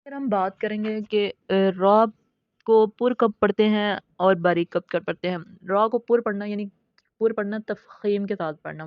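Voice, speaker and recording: A woman teaching a tajweed lesson, patiently explaining recitation rules, repeating her points and slowly sounding out example words. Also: mid-range voice, dry recording, lo-fi sound. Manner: patient, repeats points and checks in with "theek hai".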